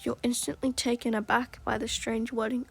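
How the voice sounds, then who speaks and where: Gravelly-voiced woman narrating a game. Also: a little high, flat delivery, normal speed. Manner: blunt, swearing asides. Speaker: gameplay streamer reading a visual novel. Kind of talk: narration and playthrough commentary.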